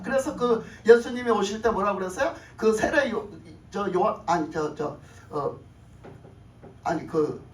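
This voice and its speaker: A woman pastor preaching a sermon, often asking the congregation questions, repeating her phrases and chuckling. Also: a little high. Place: church sanctuary. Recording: echoey room, voice from far off, faint noise.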